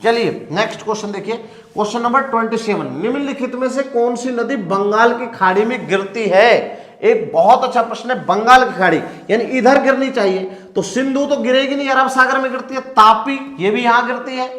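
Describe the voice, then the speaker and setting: A man's voice: extremely high pitch, brisk, a bit bright. A male teacher giving an exam-prep geography lesson in speech, asking questions and answering them himself. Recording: echoey room.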